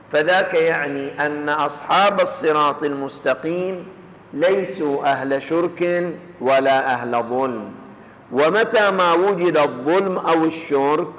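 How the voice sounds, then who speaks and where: A man's voice: a little high, fairly bright tone. Man giving a lecture in an echoey hall. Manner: measured, explanatory, restates points. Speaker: religious lecturer. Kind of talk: Quranic exegesis lecture. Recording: echoey hall with faint ambience.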